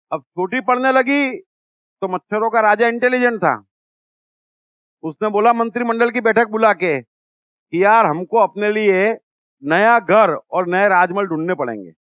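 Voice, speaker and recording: A man's voice: high voice, no room sound, narrow, tinny audio. A man, a spiritual speaker, telling a parable in a conversational lecture style, often checking in with the listener. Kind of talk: storytelling lecture on philosophy.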